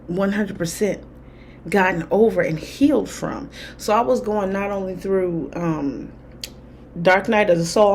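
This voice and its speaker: A woman's voice: lowish voice, darkish tone, a little hiss or hum. A woman talking candidly to camera in a rambling, casual way, full of fillers. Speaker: spiritual vlogger. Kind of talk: casual personal talk to camera.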